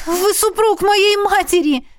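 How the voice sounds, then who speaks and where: A woman reading an audiobook, voicing a flustered young heroine who protests in a squeaky, shrill voice. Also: unhurried, dry recording, studio quality. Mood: protesting.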